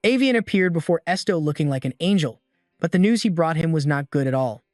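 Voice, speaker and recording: A man reading a scripted story recap in a steady, even storytelling manner. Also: on the high side, a little fast, no echo. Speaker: recap narrator. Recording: dry voice-over with soft music.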